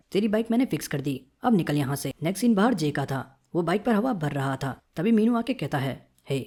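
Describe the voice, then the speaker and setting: A woman narrating and recapping a comic story, reading every character's lines in the same steady tone. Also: lowish voice. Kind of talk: scripted narration.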